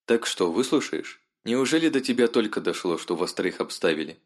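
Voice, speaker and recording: A man's voice: fairly low pitch, expressive, normal speed. A man voicing a sly, mocking noblewoman who talks down to her caller.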